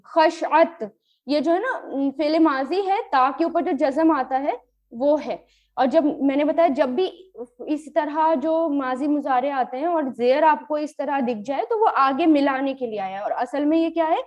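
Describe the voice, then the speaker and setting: High-voiced woman teaching Quran grammar. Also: a little mellow, highs cut off. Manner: slow, drawn-out word-by-word glossing with rhetorical questions; mixes English terms into explanations. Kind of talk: word-by-word grammar and tafseer lesson.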